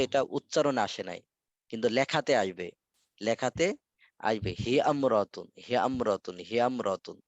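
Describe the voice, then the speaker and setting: A man's voice: mid-range voice, no echo. Patient man drilling words, dull call audio. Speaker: Arabic teacher. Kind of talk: online class teaching. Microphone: video call.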